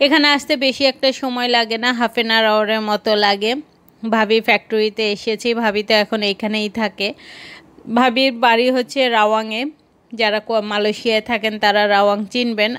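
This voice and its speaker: Bangladeshi lady doing chatty everyday vlog voiceover, voice a bit high. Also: a bit bright, smooth. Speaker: vlogger. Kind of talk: casual vlog narration.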